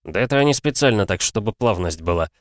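A man voicing an animated, opinionated young male tank gunner in an audiobook. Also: on the low side, fast talker, no echo, studio quality, lightly acted.

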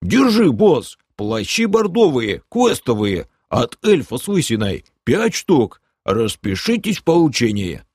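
Man voicing a loud gruff half-orc hoarder. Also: medium pitch, sing-song, measured pace, few pauses, no room sound, studio quality, pitched above the performer's own voice, full character voice. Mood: boisterous. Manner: gruff, bellowing, blunt exclamations.

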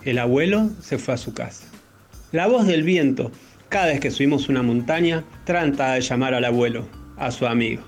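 A man with an Argentine accent reading a child's legend aloud, carefully and in measured phrases. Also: medium pitch, soft background music. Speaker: parent reading a child's story.

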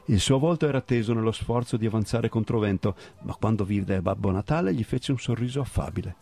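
A man reading a story aloud with steady, measured narration. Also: lowish voice, gravelly.

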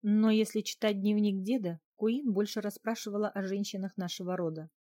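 A woman's voice: medium pitch, steady tone, dark tone, dry recording, clean studio sound, natural voice. A woman reading as a courteous storytelling husband. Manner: measured, relating family history. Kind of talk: audiobook reading.

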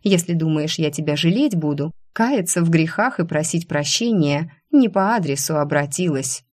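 A woman voicing a sharp-tongued young female classmate who scolds and mocks in a sarcastic way, in an audiobook. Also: sits low, animated, normal speed. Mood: scolding. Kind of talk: audiobook character voice.

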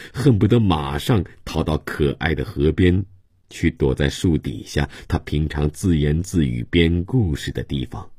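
A man narrating a literary novel as an audiobook in a calm, measured storytelling manner. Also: rumbling low, husky, no room sound, studio quality.

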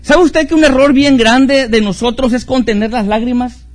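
A middle-aged male pastor delivers an earnest sermon in a high-pitched voice. He leans on rhetorical questions and repeats phrases for emphasis. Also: steady tone, moderate pace. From Mexico.

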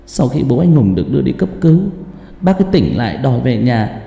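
A man's voice: medium pitch, big pitch swings, a little fast, vocal fry, dark tone, voice pushed up. A man voicing a frightened young woman in a horror story, her telling pleading and breathless. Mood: distressed. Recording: echoey hall, long reverb, faint music.

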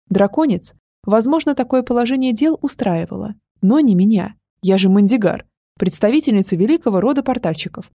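A woman's voice: medium pitch, dry recording, clean studio sound. Woman narrating a wry fantasy audiobook. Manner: wry, lively storytelling.

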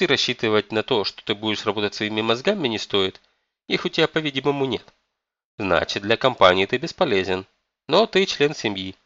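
A man's voice: lowish voice, bright, forceful tone, no room sound, highs cut off. A man voicing a stern, domineering elderly grandmother who scolds and commands.

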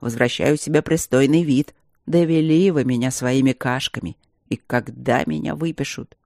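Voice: medium pitch, vocal fry, darkish tone, no echo, studio quality, close to an everyday voice. A narrator voicing a capricious, ironic young aristocrat patient in an audiobook. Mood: wheedling. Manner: slow, wheedling, ironic. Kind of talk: audiobook character reading.

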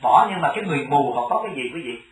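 A man's voice: medium pitch, lively intonation, very fast. A Buddhist monk delivers a sermon, telling a story and often turning to his listeners with questions. His voice rings through a roomy temple hall, picked up by a mic set well away from him. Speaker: Buddhist monk teaching a congregation. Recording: echoey hall, distant mic.

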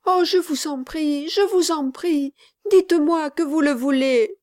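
Small weeping boy voiced by a woman, high pleading voice, storybook reading, dry sound. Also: unhurried, a little mellow, no echo. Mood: pleading, tearful.

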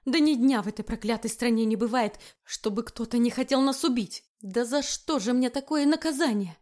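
A woman reading a scared fussy barrister guy, low muttering and panicky. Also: moderate pace, darkish tone, close to an everyday voice. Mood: panicked muttering. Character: frightened fussy male royal barrister.

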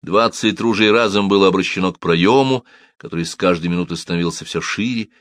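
A man narrating an audiobook in an expressive, dramatic reading style. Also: sits low, a little fast, no room sound.

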